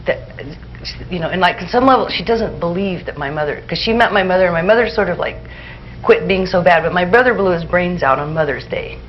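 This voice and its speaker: Middle-aged woman, therapy client, very low voice, halting and emotional, quiet repetitions, lo-fi recording. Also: lively intonation. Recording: dull lo-fi with faint hiss.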